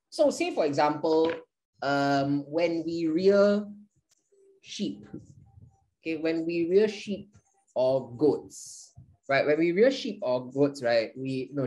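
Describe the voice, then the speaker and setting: In a playful, joking manner, a teacher leads a live online class and counts down before revealing each answer. The voice sits in the mid-range and is slightly mellow, and the recording quality is low.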